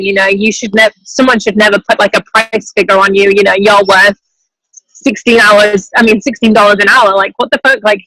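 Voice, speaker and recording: A woman's voice: mid-range voice, sharp tone, dry recording, rough recording. A woman in her twenties from England, enthusiastic and informal, giving a motivational testimonial on a call from an airport terminal. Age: 20s. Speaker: team member giving a testimonial on a group call. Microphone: group video call.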